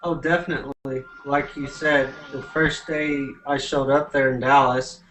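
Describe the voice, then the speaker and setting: A young man on a casual group call, excited and laughing easily. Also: mid-range voice, unhurried, slight background noise. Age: young adult. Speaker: network marketer. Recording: echoey room.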